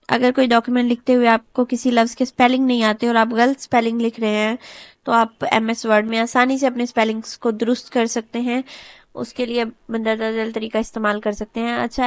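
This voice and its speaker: Female computer tutor, patient and methodical, repeats herself often, slightly higher voice, dry close sound. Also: no echo. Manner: patient step-by-step explaining, often repeats "okay, done". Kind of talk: screen-recorded software lesson.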